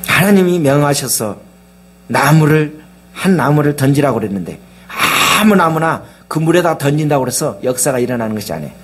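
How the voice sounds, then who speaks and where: A man's voice: a little high, very animated, a little fast. A male pastor preaching a sermon, asking the congregation question after question.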